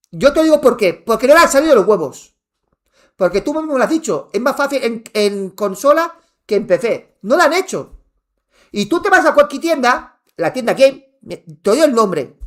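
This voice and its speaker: A male gaming streamer ranting to his chat, heated and almost shouting, repeating himself and swearing, while wearing headphones. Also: very high-pitched. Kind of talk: live stream rant.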